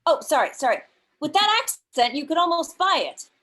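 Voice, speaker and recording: A woman reading a sharp-tongued elderly mother who delivers blunt, deadpan insults in an amateur sitcom table read. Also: sits high, moderate pace. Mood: sardonic.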